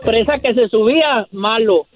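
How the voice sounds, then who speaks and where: A man's voice: very high voice, unhurried. A middle-aged man with a northern Mexican accent calling a radio show, telling a slangy casual anecdote over the phone. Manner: colloquial, slangy storytelling. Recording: thin band-limited phone line.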